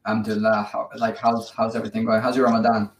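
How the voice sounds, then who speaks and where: A man hosting a podcast in casual chat, friendly and halting with many fillers. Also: lowish voice, flat delivery. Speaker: podcast host. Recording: echoey room with faint noise.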